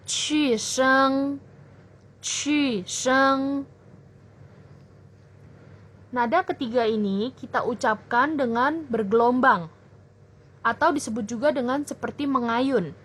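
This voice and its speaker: A young woman tutoring children in a language lesson, explaining clearly and patiently. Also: a little high. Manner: slow, clear teacherly explaining. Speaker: Mandarin tutor.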